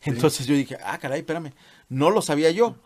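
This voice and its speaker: A man's voice: a little high, expressive, brisk, a little mellow. A man, interviewing a guest and asking long, searching questions. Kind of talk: casual interview.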